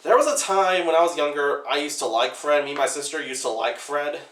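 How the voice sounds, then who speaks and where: A man's voice: on the high side, brisk, fairly bright tone, recorded from a distance. A young man giving rambling, unscripted movie-review commentary, filling his talk with "like". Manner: rambling, says "like" constantly. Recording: roomy sound from off-mic.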